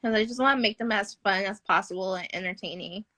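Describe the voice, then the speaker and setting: A woman's voice: mid-range voice, fast, pushed and bright, no room sound. A young adult woman chatting casually on a live stream as a guest, upbeat and rambling and laughing often. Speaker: podcast guest, game developer.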